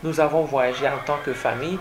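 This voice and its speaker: Her voice rumbles low and stays steady, moving briskly over a noisy background. She is a Congo-born author with French as her first language, appearing as a guest on a radio interview and answering hesitantly with lots of fillers and repeated words.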